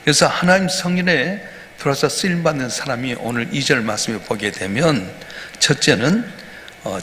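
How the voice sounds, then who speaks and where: A male pastor preaches an emphatic dawn sermon in a bright, forceful voice. He keeps asking his listeners questions as he talks. The sound has a long church-hall reverb over faint room ambience. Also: medium pitch, a little hiss or hum. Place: church sanctuary.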